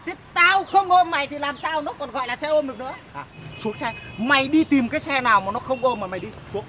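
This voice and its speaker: A man's voice: very high-pitched, fast talker, sharp tone. A man playing a rude, teasing motorbike taxi driver in a comedy sketch. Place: outdoors on a city street. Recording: street noise outdoors.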